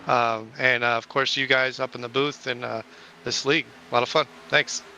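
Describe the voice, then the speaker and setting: A man who drives in an online racing league, answering post-race questions in a relaxed, halting way with many uhs. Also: mid-range voice, muffled recording, a little hiss or hum.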